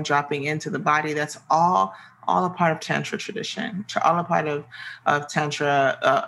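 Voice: medium pitch, gravelly, a bit bright, a little hiss or hum, rough recording. An interview guest from the American Midwest, explaining earnestly and searching for the right words. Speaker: interview guest, sex coach. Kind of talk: casual interview conversation.

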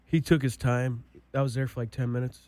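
A man's voice: medium pitch, flat delivery, brisk, a little mellow, no echo. A young man tasting food on a casual show, giving short clipped verdicts. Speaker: guest taster. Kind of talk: casual food taste-test chat.

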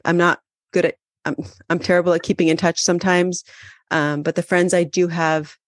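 A woman's voice: deep voice, no room sound, studio quality. A woman co-hosting a podcast, talking reflectively with fillers and restarts. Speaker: podcast co-host. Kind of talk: casual podcast talk.

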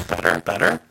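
A man co-hosting a podcast in casual chat, his failing microphone making the voice sound robotic, with sudden pitch drops and echo. He talks haltingly and repeats words. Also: sharp tone, a little hiss or hum. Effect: glitchy, robotic mic with sudden pitch drops and echo. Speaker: podcast co-host. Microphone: failing remote microphone, low battery.

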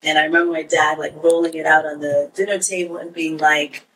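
A woman in her forties who grew up in Kenya, talking as a podcast guest. Her voice sits low and a little back from the microphone. She tells stories in an easy way and keeps dropping in "you know". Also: brisk, distant mic, slight background noise, low-quality recording. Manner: relaxed storytelling with frequent "you know". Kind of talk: casual conversation.

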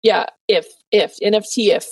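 A woman's voice: mid-range voice, moderate pace, darkish tone, dry recording. A woman hosting a casual podcast, playful and self-mocking. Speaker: podcast host. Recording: dry, slightly distant mic.

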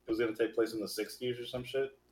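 A man's voice: medium pitch, steady tone, fast, a little mellow, roomy sound. A young man co-hosting a podcast, talking in a laid-back, slangy way about movies. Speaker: podcast co-host. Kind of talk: casual trailer-reaction chat.

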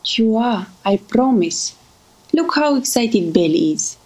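An actress playing a warm, motherly older woman who speaks gently and affectionately. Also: a little high, animated, takes it slowly, husky, full character voice, poor audio. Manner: gentle, affectionate, calls others darling. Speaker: family friend. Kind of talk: drama acting.

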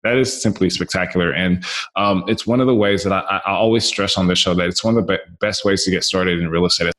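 A man's voice: low-pitched, fast talker, fairly bright tone. A man hosting a podcast, enthusiastic and encouraging toward his guest. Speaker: podcast host. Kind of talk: conversational interview.

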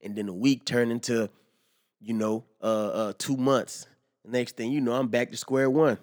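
A man's voice: mid-range voice, steady tone, moderate pace, darkish tone. Rambling man hosting his own podcast. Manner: rambling, fills with "you know what I'm saying"; slangy, swears freely. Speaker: podcast host. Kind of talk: casual monologue.

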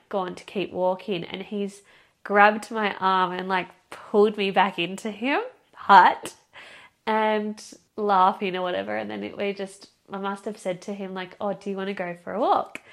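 A young woman podcast host tells a story over a casual chat. She talks in a loose, expressive way, dropping "like" constantly and swearing now and then. Her voice sits at an ordinary middle pitch. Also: vocal fry. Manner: chatty, expressive, heavy use of "like" and swearing.

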